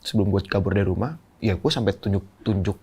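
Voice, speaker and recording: A young man with a fairly low voice speaks as a podcast guest. He talks candidly and emotionally, in loose, slangy casual speech full of fillers, as he works through a personal story. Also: fast talker, a little mellow, slightly rough.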